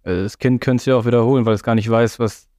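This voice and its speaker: Quick flat-voiced man chiming in. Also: medium pitch, dry recording, studio quality. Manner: brief interjections and follow-up remarks.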